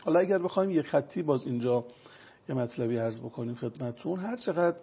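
A man's voice: mid-range voice, expressive. A man consulting on traditional medicine, lecturing with everyday examples in an interview. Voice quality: gravelly and raspy. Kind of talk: explanatory interview talk. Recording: dull lo-fi recording.

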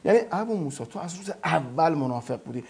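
A man's voice: fairly high pitch, expressive, gravelly, a little mellow, breathy edge. A man speaking as a guest on a talk program, retelling religious history emphatically with quoted dialogue. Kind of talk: animated lecture-style storytelling.

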